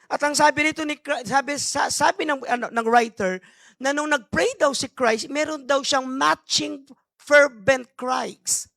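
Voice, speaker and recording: A man preaching as a bishop, mixing Tagalog and English as he works through his sermon. His voice is bright and forward, recorded close and dry with no room sound. He leans hard on key words, keeps asking the congregation questions and drops playful asides between points. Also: extremely high pitch, a little slow, vocal fry, dry recording. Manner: emphatic, asks the crowd rhetorical questions and calls for amens.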